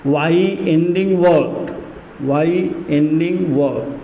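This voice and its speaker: A man teaching an English grammar lesson, speaking slowly and deliberately and repeating key words to drill them into his students. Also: on the high side, warm tone, reverberant, in a large hall, a little hiss or hum.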